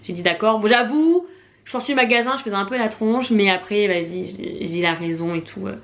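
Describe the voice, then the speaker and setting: A young woman with a French accent talks through a casual haul vlog. She sounds chatty and animated, piling up slang and fillers, and her pitch sits in an ordinary middle range. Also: fairly quick. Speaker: vlogger.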